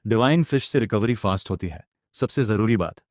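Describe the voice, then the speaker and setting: A man's voice: lowish voice, expressive, moderate pace, no room sound, clean studio sound. A man narrating a fantasy story recap in a dramatic storytelling manner, speaking every character's lines himself.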